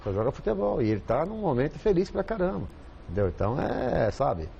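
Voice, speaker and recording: A man's voice: on the high side, big pitch swings, a little fast, gravelly, dark tone, highs cut off, a little hiss or hum. A man with a Brazilian accent, a football coach guest chatting casually on a TV panel, rambling and repeating himself with lots of fillers. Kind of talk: casual studio chat.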